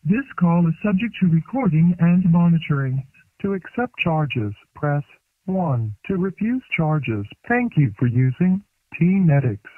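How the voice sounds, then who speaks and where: A man's voice comes through a payphone call line, thin and tinny with no room around it. He reads an automated collect-call announcement in a formal, measured way, set fairly high and moving up and down a lot. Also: big pitch swings, no room sound. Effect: heard over a payphone call line. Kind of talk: recorded phone system prompt. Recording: tinny dry phone line.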